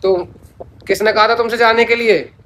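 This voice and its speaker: A man's voice: sits high, steady tone, normal speed, fairly bright tone. Playful man vlogging casually. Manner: playful, teasing, stubborn on the call. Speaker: vlogger, husband. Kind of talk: casual vlog narration and phone call.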